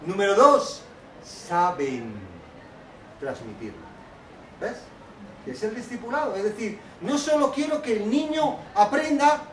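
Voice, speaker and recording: A man giving a lively workshop talk to an audience, acting out children's voices as he tells stories. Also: sits high, noisy background. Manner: animated, acts out children's voices. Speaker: children's ministry teacher. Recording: echoey hall, from a distance.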